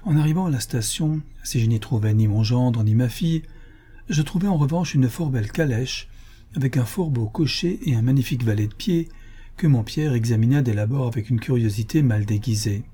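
A man narrating a classic novel audiobook in a measured, expressive reading. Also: medium pitch, breathy edge.

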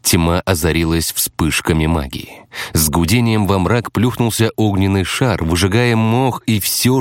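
Deep-voiced guy reading an audiobook, steady, dry close sound. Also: no room sound. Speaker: audiobook narrator. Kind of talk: scripted first-person narration.

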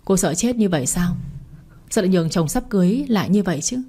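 A woman's voice: fairly low pitch, animated, quick pace, dark tone, breathy edge. Woman reading as a cold, sneering jealous young woman. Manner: curt, sneering.

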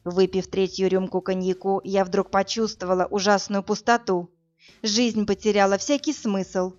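A woman narrating a first-person audiobook in a steady, plain storytelling manner, in a slightly muffled recording. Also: mid-range voice, moderate pace, soft background music.

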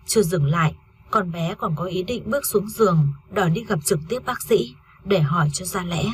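A woman narrating a first-person family story in a steady, earnest reading voice. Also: fairly low pitch, breathy edge.

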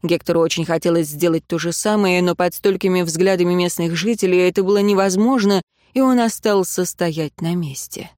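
A woman narrating a fantasy audiobook in a steady, even storytelling voice. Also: lowish voice, fairly quick, few pauses, no echo, studio quality. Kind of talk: scripted narration.

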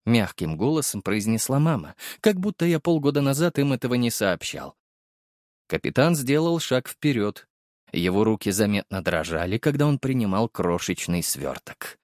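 A man narrating a first-person audiobook in a lively, wry and expressive manner. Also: lowish voice, normal speed, no room sound, studio quality.

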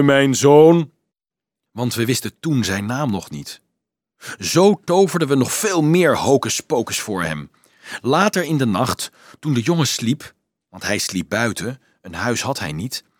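Male reader as a guilt-ridden middle-aged swindler, earnest confession, lively intonation, dry sound. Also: medium pitch, slightly rough, no echo. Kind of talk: audiobook character voice.

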